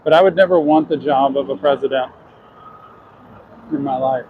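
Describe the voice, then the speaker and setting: A man's voice: medium pitch, moderate pace, narrow, tinny audio, background noise. A man chatting earnestly to his viewers while walking down city streets, answering questions from chat.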